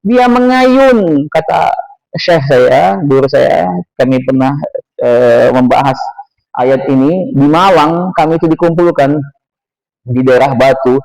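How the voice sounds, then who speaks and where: A man, an ustadz teaching Quran tafsir in a mosque, swinging between high emphatic bursts and low quiet asides and chanting Arabic verses slowly. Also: gravelly, dry recording, rough recording. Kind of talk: sermon-style Quran lesson.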